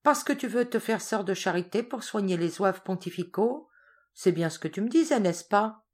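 A woman reading the part of a brisk, teasing older woman cousin in a storybook. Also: mid-range voice, expressive, darkish tone, natural voice.

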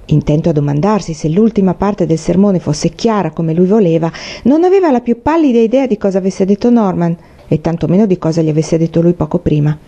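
Woman reading an audiobook, mellow tone. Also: fairly low pitch, fairly quick. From Italy. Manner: steady, clear storytelling reading. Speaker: audiobook reader. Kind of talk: scripted narration. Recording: dull lo-fi recording.

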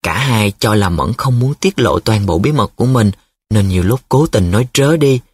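A man narrating a novel as an audiobook in a steady, even storytelling voice. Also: fairly low pitch, normal speed, breathy edge, dry recording, studio quality. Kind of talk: scripted narration.

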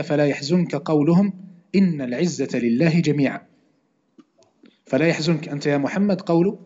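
A man gives a classroom religious lesson at a brisk clip, his voice sitting a little high. He keeps repeating key points and pausing to ask whether everyone follows. The recording is muffled and lo-fi. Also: a little mellow. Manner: repeats points, often checks if students understood. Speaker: Quran teacher. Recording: dull lo-fi recording.

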